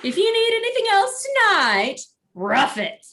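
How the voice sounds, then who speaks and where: Woman acting a very high-voiced glamorous mom. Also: huge pitch swings, unhurried, pushed and bright, heavily acted. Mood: playful. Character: glamorous, vain, playful Beverly Hills mother. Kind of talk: live script reading, comedic.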